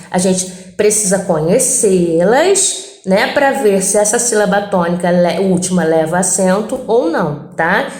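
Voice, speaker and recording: Brazilian woman teacher, slow and patient, slightly high voice, echoey room, recorded lesson. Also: darkish tone. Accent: Brazilian Portuguese. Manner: patient, repeats points and checks in with frequent "tá?". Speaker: Portuguese teacher. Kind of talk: recorded lesson going over textbook exercises.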